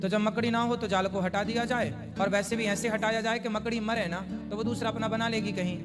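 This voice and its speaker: Brief: patient male spiritual teacher, fairly high voice, long hall reverb, music underneath. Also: a little fast. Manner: calm, patient, explains with everyday examples. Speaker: spiritual teacher answering devotees. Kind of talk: religious question-and-answer discourse.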